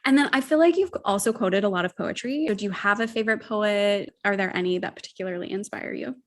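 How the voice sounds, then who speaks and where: A woman's voice: medium pitch, fast talker. A woman hosting a casual interview, asking questions in a friendly, upbeat way and laughing often. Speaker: podcast host interviewer.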